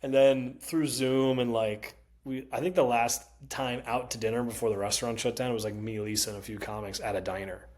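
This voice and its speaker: A male comedian with a Connecticut accent telling animated, profane stories in casual chat and mimicking other people's voices. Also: medium pitch, a little fast, few pauses. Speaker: comedian guest. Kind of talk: casual storytelling.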